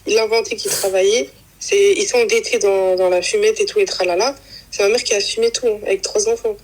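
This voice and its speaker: A woman's voice: mid-range voice, steady tone, fairly quick, rough recording. A young woman casually telling a personal story, rambling with fillers and acting out quoted lines. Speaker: guest telling her story.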